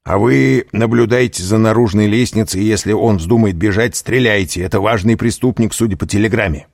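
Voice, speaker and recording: A brisk sergeant barks short orders in a firm, commanding tone, as a man reads him aloud. The voice stays fairly low and sits dry against the microphone. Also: gravelly, a little mellow, no echo. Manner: curt, commanding. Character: brisk male police sergeant giving orders.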